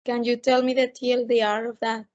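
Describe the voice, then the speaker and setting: A podcast co-host chats casually and haltingly, her fairly high voice thickened by a sore, swollen throat. Her tone stays level and a little mellow, and the recording comes across slightly dull and lo-fi.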